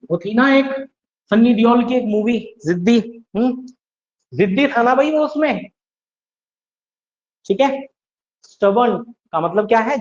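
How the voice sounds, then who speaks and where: Male online tutor, high-pitched, drills words by call and response, muffled recording. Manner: drills students with repeated questions and answers; mixes English words into Hindi explanations. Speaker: English vocabulary teacher. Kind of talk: online exam-prep class.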